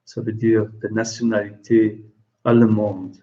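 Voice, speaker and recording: A man teaching a language lesson, explaining slowly with many hesitations and repeating example phrases. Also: on the low side, flat delivery, mellow. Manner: slow, hesitant, many fillers. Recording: dull lo-fi recording.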